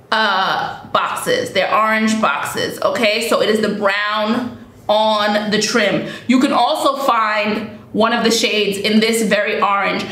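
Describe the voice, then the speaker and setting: A woman's voice: mid-range voice, fairly bright tone, roomy sound. A woman in a casual beauty vlog, chatting enthusiastically about products and often repeating words for emphasis. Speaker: beauty vlogger.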